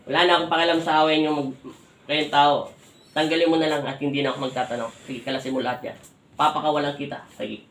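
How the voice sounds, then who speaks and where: A man's voice: a little high, little pitch movement, quick pace, fairly bright tone. A man from the Philippines working as a folk healer, questioning and giving firm orders during a healing session. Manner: commanding, questions and orders repeatedly. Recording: echoey room with faint ambient noise.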